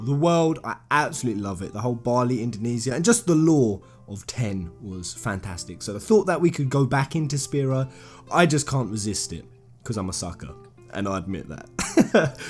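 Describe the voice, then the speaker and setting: Here a video game channel host talks straight to his audience in a mid-range, slightly mellow voice. He offers casual, slang-filled opinions with emphasis and gushing fan excitement.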